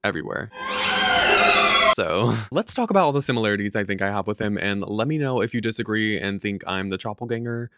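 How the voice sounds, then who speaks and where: Young man, early twenties, sassy casual vlog chat, swears a lot, lowish voice, dry mic. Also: animated, brisk, fairly bright tone, no echo, faint music behind. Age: young adult. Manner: sassy, joking, profane. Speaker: vlogger.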